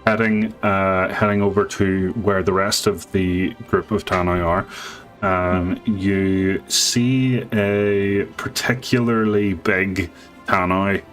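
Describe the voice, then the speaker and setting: A man narrating a live tabletop fantasy game as game master, improvising haltingly. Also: low voice, fairly even intonation, fairly bright tone, faint music behind.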